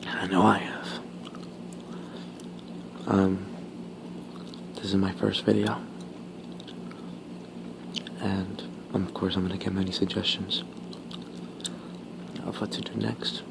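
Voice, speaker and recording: A man whispering casual ASMR talk while chewing gum, pausing between short, halting phrases. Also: deep voice, flat delivery, vocal fry, noisy background. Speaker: ASMR video creator.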